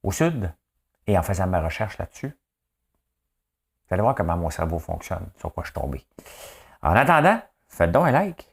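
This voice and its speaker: A man's voice: low voice, sing-song, normal speed, creaky, long pauses, slightly rough. A man with a Québécois accent hosting a daily news show, chatting casually in a joking, rambling way with lots of asides. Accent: Québécois French. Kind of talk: casual solo news commentary.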